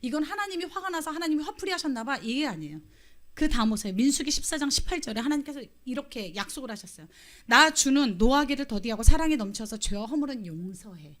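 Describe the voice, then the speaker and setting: A middle-aged woman gives a Christmas sermon in a high, bright voice that swoops up and down as she tells the story. She talks in an animated way and jumps into acted-out voices of the people she quotes. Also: fast talker. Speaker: pastor's wife preaching.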